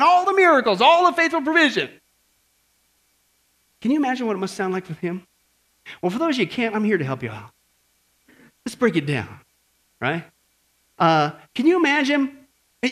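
A man preaching a sermon as pastor in a church, lively and conversational, acting out voices and asking the congregation questions. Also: high-pitched. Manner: animated, acts out grumbling voices and asks the audience questions.

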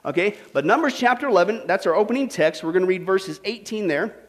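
High-pitched, animated preacher man. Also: fast talker. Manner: animated preaching with rhetorical questions and frequent "okay?". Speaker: pastor. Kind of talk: sermon.

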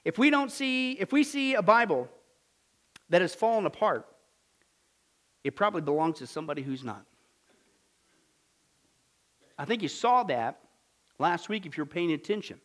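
A man's voice: high-pitched, very animated, normal speed, pauses often, fairly bright tone. A man preaching a sermon as a pastor, emphatic and exhorting, with rhetorical questions and short, punchy repetitions.

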